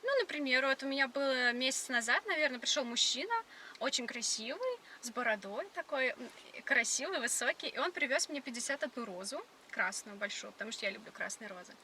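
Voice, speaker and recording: High, bright-voiced young Moscow woman. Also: animated, a little fast. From Moscow, Russia. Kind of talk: casual date banter. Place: inside a car. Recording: distant in-car sound, faint noise.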